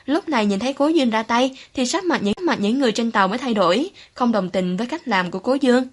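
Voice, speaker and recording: Brief: female audiobook narrator, fairly high voice, even scripted storytelling delivery. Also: fast talker.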